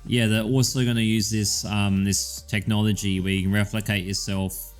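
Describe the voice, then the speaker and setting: A man's voice: fairly low pitch, level tone, normal speed, soft background music. A man co-hosting a podcast in casual chat, rambling with lots of "um"s and casual swearing. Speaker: podcast co-host.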